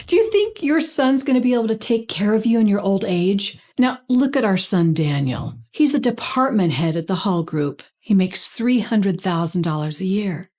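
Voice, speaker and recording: A woman's voice: medium pitch, mellow, lightly acted. A sneering, snobbish aunt who looks down on her poor relatives, played by a woman. Her voice sits in an ordinary middle range and drips with scorn, in the style of a short online drama.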